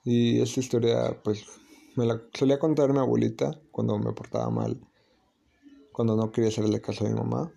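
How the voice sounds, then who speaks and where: A man tells a spooky family tale as host of his own show. His voice is heavily gravelly and very dark in color. He talks casually, with pauses and restarts. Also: mid-range voice. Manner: relaxed, hesitant storytelling with restarts. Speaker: podcast host. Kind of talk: casual storytelling.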